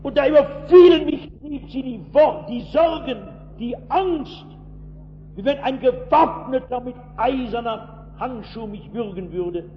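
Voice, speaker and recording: Male preacher, high voice, emphatic sermon delivery with sudden loud peaks; dull, lo-fi hall recording with a faint hum. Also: measured pace. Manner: emphatic, swings between loud outbursts and hushed asides; addresses listeners directly with rhetorical questions.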